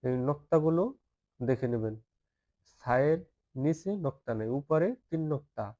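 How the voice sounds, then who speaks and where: Male Arabic alphabet teacher, slow repetitive lesson delivery. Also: medium pitch, dark tone, dull audio. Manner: patient, repeats each letter several times, asks listeners to say it along.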